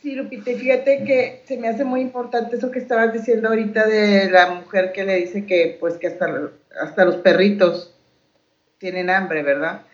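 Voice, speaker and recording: Male host, high-pitched, affirming manner; roomy, dull lo-fi recording. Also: fairly even intonation, normal speed. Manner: affirming, reflects back on the guest's points. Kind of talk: conversational talk show. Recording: echoey, dull lo-fi sound.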